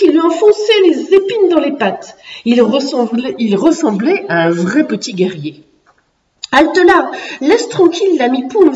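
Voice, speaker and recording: Female storyteller, mellow and animated, recorded far off in an echoey room with dull sound. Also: a little high. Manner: expressive, lively storyteller. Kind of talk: storybook narration. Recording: echoey room, distant muffled mic.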